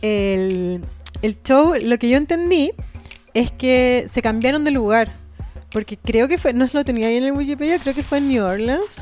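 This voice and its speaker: A woman's voice: high-pitched, expressive, moderate pace, darkish tone, soft background music. A young Chilean woman co-hosting a casual pop culture chat, slangy and laughing often.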